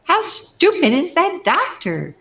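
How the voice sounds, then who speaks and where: A woman's voice: on the low side, animated, takes it slowly, fairly bright tone, highs cut off, exaggerated voice. A shrieking brash best friend, as a woman puts her on. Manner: shrieking, barking.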